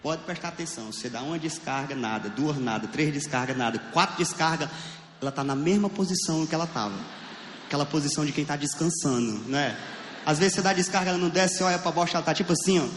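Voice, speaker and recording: Brazilian guy doing stand-up, kinda high voice, laughing at his own gross jokes, big echoey hall w noise. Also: quick pace, fairly bright tone. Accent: Brazilian Portuguese. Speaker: stand-up comedian. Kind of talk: stand-up comedy set. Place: theater stage with live audience.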